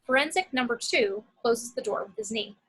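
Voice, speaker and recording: Reading the action lines of a script, this woman narrates in a fairly high, distinctly bright voice with a forward edge. Her intonation is lively and her pace normal, though the recording quality is rough.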